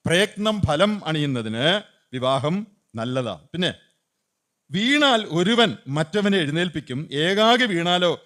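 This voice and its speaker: A male evangelist preaching a sermon, who asks his listeners questions and answers them himself, rising loud for emphasis and dropping to low asides.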